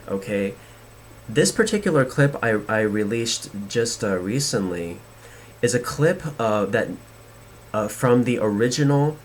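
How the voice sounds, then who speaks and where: A man talks in a fairly low voice, hosting a casual podcast monologue. He rambles, restarts sentences and leans on fillers. A faint hiss sits under his voice. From United States. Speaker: podcast host.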